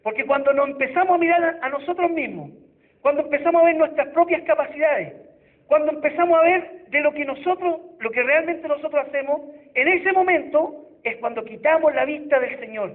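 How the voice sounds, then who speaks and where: A man's voice: very high-pitched, brisk. A Chilean man preaching a sermon as pastor, retelling a Bible passage and acting out the quoted voices with dramatic emphasis. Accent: Chilean Spanish. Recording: tinny phone-like church recording.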